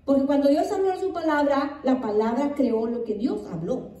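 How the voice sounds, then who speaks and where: High-pitched, mellow-voiced woman pastor preaching. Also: moderate pace. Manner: reads scripture aloud and repeats it with emphasis; asks the congregation questions. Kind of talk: sermon. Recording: echoey room, distant mic.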